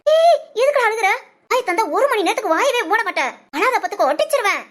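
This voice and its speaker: In a homespun short drama, an actress voices a bitter young mother who never stops scolding and complaining. She sounds high and bright, expressive in a scolding mood, and her nagging lands quick and sharp.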